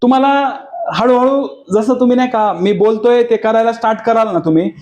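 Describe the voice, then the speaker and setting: Man, pastor, Marathi accent, high voice, animated sermon delivery, keeps asking the congregation if they follow. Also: fairly quick, highs cut off. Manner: animated preaching, mixing English phrases, often asking listeners if they understand.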